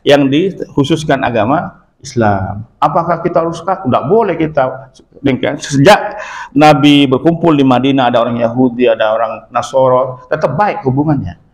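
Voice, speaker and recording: A man's voice: mid-range voice, normal speed. A man from Madura with a Madurese accent, teaching a religious lesson in an emphatic manner and often checking in with his listeners. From Madura, Indonesia. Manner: lively, emphatic, with frequent affirming "ya". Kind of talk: religious lesson explaining a text. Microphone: phone camera.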